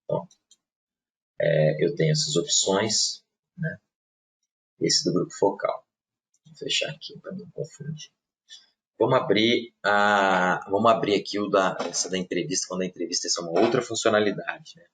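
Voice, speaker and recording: A man, casually walking viewers through software in a live webinar, speaking softly and often checking in with his audience. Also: deep voice, lively intonation, normal speed. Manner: casual, talks through clicks, many tag questions. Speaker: software trainer. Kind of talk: live webinar screen-share demo.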